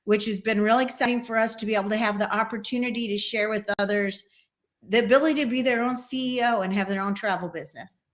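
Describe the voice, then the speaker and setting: A woman's voice: mid-range voice, fairly even intonation, quick pace. A woman who owns a travel agency, speaking earnestly as a guest in a casual video interview.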